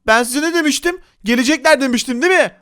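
A man hosting a block-game role-play, narrating dramatically to his viewers and often shouting in excitement. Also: very high-pitched, quick pace. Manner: addresses viewers as friends. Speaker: gaming channel host.

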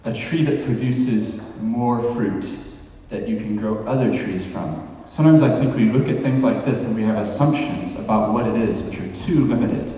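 At a conference in a large hall with a stage, a New Zealand man in his forties, a podcast host, gives a conversational talk and puts questions to the audience. His lowish, mellow voice moves at normal speed. The handheld mic is heard from far off, so the hall sounds echoey and distant.

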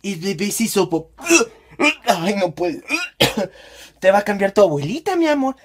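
A woman's voice: medium pitch, very animated, unhurried, darkish tone. A woman with a Mexican Spanish accent acting out exaggerated comedy sketches, switching between mother and child roles.

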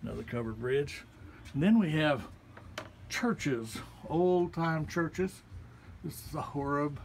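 Man, casual folksy gallery tour, slightly higher voice, faint background ambience. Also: takes it slowly, a little hiss or hum. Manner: relaxed, folksy, pointing things out one by one. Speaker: artist giving a gallery tour. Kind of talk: casual walking tour narration. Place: small indoor art gallery. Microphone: handheld phone camera.

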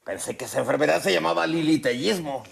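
A man playing an excitable Spanish conquistador who comments theatrically on the news in a satirical sketch. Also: a little high, fast talker, gravelly, background noise. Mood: mock alarm.

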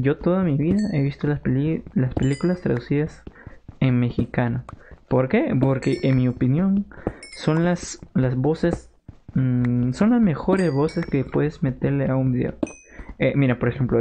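Warm, unhurried and medium-pitched, a young man from Peru with a Peruvian Spanish accent chats casually with his live-stream audience while gaming in a home room. He reads viewer messages, responds and throws in jokey outbursts; the recording is a bit dull and lo-fi, with faint noise.

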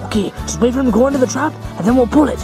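A performer voicing an excitable, gullible male plumber toy, exclaiming dramatically and slangily in an amateur puppet skit. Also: mid-range voice, racing, music in the background, natural voice. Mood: eager.

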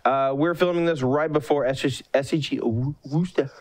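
A man's voice: mid-range voice, moderate pace, low-quality recording. A man in a middle register co-hosts a card game match in a loose, joking way. He laughs often and catches and corrects his own slips as he talks. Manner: jokey, laughs often, corrects himself mid-sentence. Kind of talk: casual match commentary.

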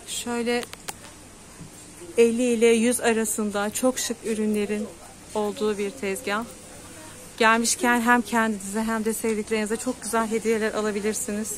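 Brief: woman travel vlogger, slightly high voice, chatty and upbeat toward viewers, outdoor street on a handheld camera. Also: little pitch movement, normal speed. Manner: chatty, addresses followers directly, promotes market stalls. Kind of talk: walking tour vlog narration. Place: outdoor seaside market street.

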